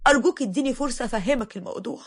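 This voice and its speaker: A woman's voice: fairly high pitch, rapid-fire. A woman voicing a frightened young wife who pleads desperately. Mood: pleading.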